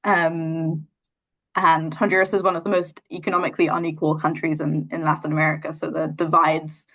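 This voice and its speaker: A woman's voice: low voice, level tone, fairly quick, a bit bright. A young woman from New Zealand with a New Zealand accent, founder of a charity, talking casually and thoughtfully in an interview, with many fillers and restarts. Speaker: NGO founder, interview guest.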